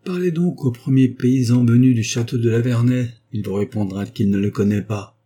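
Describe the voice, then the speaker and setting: A man reading an audiobook voices a courteous, patient old aristocratic baron, a bit higher than his own voice. The voice is mellow and slightly husky. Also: moderate pace, lightly acted. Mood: exasperated.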